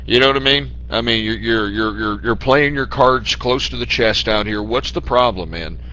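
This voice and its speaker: Chat room regular guy, bright voice, keeps probing, stammers and repeats himself. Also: mid-range voice, normal speed, dull audio. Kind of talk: casual chat.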